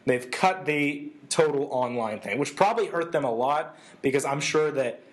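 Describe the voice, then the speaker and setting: A man's voice: fairly high pitch, moderate pace. A man co-hosting a casual gaming chat show, talking at length with a sarcastic, lecturing manner. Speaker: podcast co-host.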